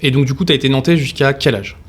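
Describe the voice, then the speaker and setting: A man's voice: mid-range voice, fairly even intonation, fast talker, husky. A man hosting a casual podcast interview, chatty and enthusiastic, filling his speech with fillers and slang. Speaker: podcast host, mortgage broker.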